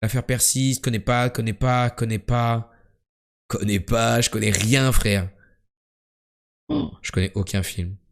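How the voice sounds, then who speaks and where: A young man streaming quiz games live, chatting casually and joking, jumping between loud bursts and low mumbles. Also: steady tone, unhurried, vocal fry, long pauses.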